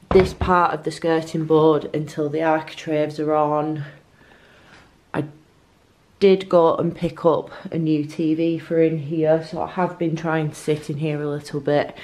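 This home vlogger, a woman from the North of England, talks to camera in a relaxed way from her living room. Her low-pitched, darkish voice comes across as thoughtful and a little hesitant.

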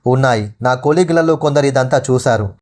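A man's voice: mid-range voice, fairly quick, a little mellow, lightly acted. A man voicing a determined young village woman who pleads earnestly, in a storybook reading. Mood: earnest pleading.

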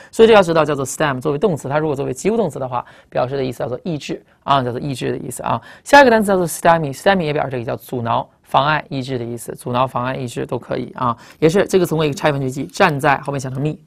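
Fast-talking gravelly male teacher. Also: fairly high pitch. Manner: explains word by word, repeats key terms, spells letters out. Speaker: English vocabulary teacher. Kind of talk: recorded classroom lecture.

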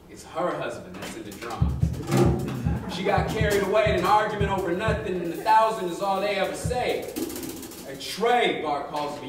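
On stage at an arts venue with live musicians, a man in his thirties with a high voice reads first-person fiction dramatically, colloquially and expressively, voicing the dialogue. His studio-style mic sits on a stand, yet the live room sounds echoey and distant, dominated by loud drum and percussion music.

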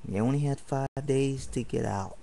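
A vlogger in his home apartment rants angrily and at length for a home video, indignant and repeating himself as he rambles. His voice is mid-range and mellow with vocal fry, at a normal speed.

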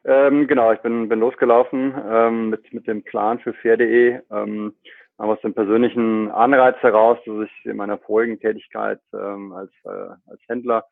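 A startup founder from Cologne, Germany, chats as a guest on a podcast interview, laughing often and filling his talk with fillers and restarts. His voice is lowish and gravelly, level in tone, at a normal speed. The line is dry and phone-like, with no echo.

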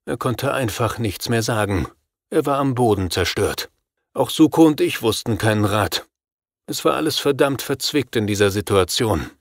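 A man narrating an audiobook in the first person, steady and measured. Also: medium pitch, no room sound, studio quality.

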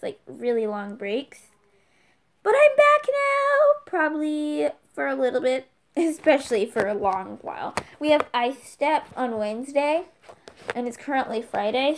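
A woman's voice: a little high, creaky, darkish tone. A young woman chatting casually on her vlog, rambling playfully and jumping from topic to topic. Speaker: YouTuber.

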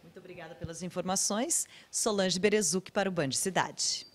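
Woman, 40s, TV reporter, handheld mic, indoor office, clear formal delivery. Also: on the low side, moderate pace. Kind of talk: news report and interview. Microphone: handheld microphone.

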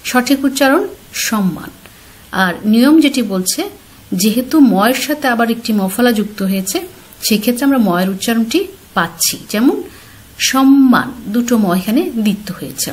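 A woman teacher giving a slide-based pronunciation lesson, speaking clearly and patiently and putting questions straight to her students. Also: on the high side.

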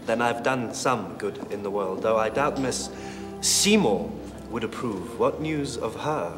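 An actor playing a fond older mentor who talks in a measured, gently chiding way. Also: male voice, lowish voice, animated, in a large hall, over music. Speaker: old family friend.

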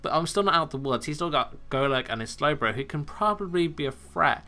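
Bright-voiced man casually commentating a game. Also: a little high, expressive, fairly quick. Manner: chatty and self-mocking, laughs often.

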